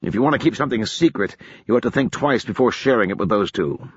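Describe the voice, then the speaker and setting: A lanky soldier officer with a dry, deadpan wit, as a male narrator puts him on, his husky voice lifted above the reader's usual low tone. The lines swing lively in pitch. The audiobook recording is dry and a little dull. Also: quick pace, no echo. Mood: wry. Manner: deadpan, ironic.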